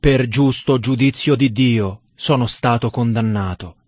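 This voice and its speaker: A man's voice: mid-range voice, a little slow, a little mellow, no room sound, natural voice. A man reading the words of a dead man sitting up in his coffin, in a solemn, grave tone. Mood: dread.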